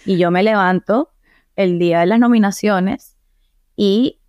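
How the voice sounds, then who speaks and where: Lively Venezuelan woman telling stories. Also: medium pitch, a little slow, no echo, dull audio. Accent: Venezuelan, Caracas. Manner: lively storyteller, drops English phrases into Spanish. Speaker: guest singer. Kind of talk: casual interview chat.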